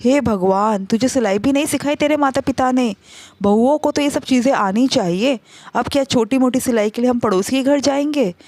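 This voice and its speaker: A woman's voice: high-pitched, moderate pace, darkish tone, no echo. Woman voicing a grumbling greedy mother-in-law. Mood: complaining. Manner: scolding, self-pitying complaints. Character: greedy, complaining middle-aged mother-in-law.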